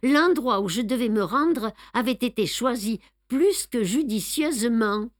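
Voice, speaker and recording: Hercule Poirot, brisk and bossy, as a woman reader puts him on. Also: a little high, expressive, no echo, studio quality. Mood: triumphant. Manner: brisk, commanding, exclamatory. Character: fussy excitable older male detective. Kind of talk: audiobook reading with voiced dialogue.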